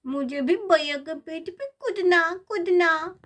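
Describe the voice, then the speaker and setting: A woman's voice: extremely high pitch, slow, a bit bright, exaggerated voice. A woman voicing a whiny toddler girl in a doll story, sobbing and calling for her mother.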